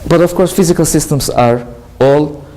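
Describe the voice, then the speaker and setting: A man with a Turkish accent lectures a class in a slightly raised, mellow voice. He keeps asking his listeners questions and then answers them himself. A faint hum of the room sits behind him. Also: fairly high pitch, moderate pace, rough recording. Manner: explanatory, asks and answers his own questions. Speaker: university lecturer. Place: lecture hall.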